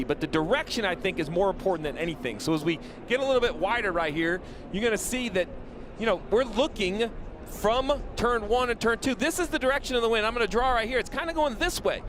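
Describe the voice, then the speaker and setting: A man explaining the action as an analyst in live motorsport commentary, with race track noise behind him. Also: high voice. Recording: clear vehicle noise behind the voice. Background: race cars and outdoor track noise.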